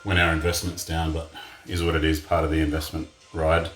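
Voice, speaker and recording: A vlog co-host shows his renovation work, chatting casually in brief, plain remarks. His bass voice is completely flat, brisk and fairly bright. The room echoes, and faint music plays from a radio behind him.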